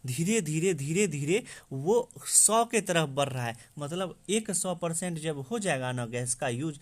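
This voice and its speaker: A man's voice: fairly high pitch, fairly bright tone. A man teaching exam memory tricks, repeating facts over and over and answering his own questions. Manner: repetitive, drills answers by asking and answering himself. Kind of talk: explaining memory tricks to students.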